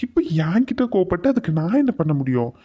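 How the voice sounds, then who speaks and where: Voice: medium pitch, sing-song, quick pace, breathy edge, dull audio. A performer voicing a sarcastic young man in a cartoon who teases and threatens his friend. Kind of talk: cartoon voice acting.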